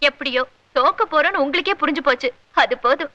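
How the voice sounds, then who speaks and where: A woman's voice: high-pitched, fast talker, bright, forceful tone, dry recording. An actress playing a spirited young woman dancer who teases playfully, in a 1980s film drama. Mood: teasing. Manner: teasing, playful. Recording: dull lo-fi film soundtrack.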